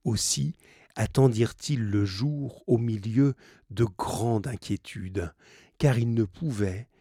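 A man's voice: fairly low pitch, dark tone, slightly rough, dry recording, clean studio sound. A man reading a novel aloud, stopping now and then to restate hard words in plain terms. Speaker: reader of a novel.

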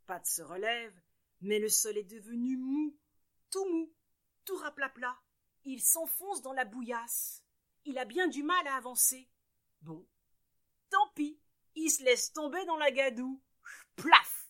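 A woman storyteller telling tales for children, expressive and playful with sound words. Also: high-pitched, a little slow, pauses often.

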